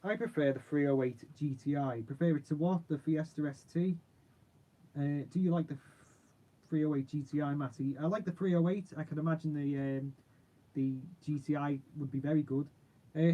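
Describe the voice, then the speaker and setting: A man's voice: on the high side, moderate pace, dark tone, poor audio. A man, chatting casually and informally as he hosts a livestream and answers viewers, rambling in a matey way. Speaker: car channel host.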